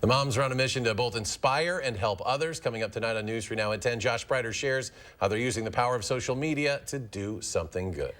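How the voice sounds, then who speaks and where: An American man reads scripted news as an anchor. He moves quickly through the copy in a mid-range voice. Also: medium pitch, a bit bright.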